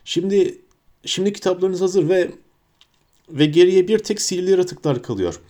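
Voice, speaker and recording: A man voicing a huge, cheerful and kindly male gamekeeper with a booming, hearty way of talking. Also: animated, moderate pace, mellow.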